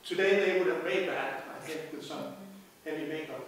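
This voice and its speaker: A man's voice: fairly high pitch, normal speed, a bit bright, a little hiss or hum. A middle-aged man lecturing live in a rambling professorial way, with hesitations and asides. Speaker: university lecturer. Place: large lecture theatre. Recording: very echoey lecture hall, distant.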